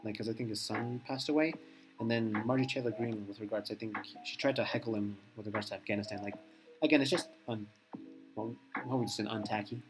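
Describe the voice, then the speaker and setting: Male streamer, mid-pitched, quick and rambling, opinionated reaction chat over music. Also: fairly even intonation. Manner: rambling, filler-heavy, opinionated.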